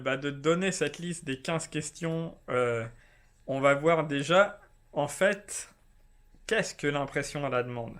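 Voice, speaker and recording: A man talks through his topic in a relaxed, chatty vlog, addressing the viewer directly. His voice sits a little high and comes across smooth and clear. He was recorded indoors. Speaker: self-publishing video host. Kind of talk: casual explainer vlog. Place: indoors, not at home.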